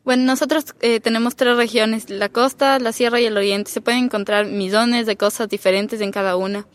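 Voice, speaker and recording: A teenage exchange student from Ecuador speaks with an Ecuadorian accent in casual chat, answering thoughtfully and pausing with fillers while she searches for words. Her voice is a little high and steady, with no echo.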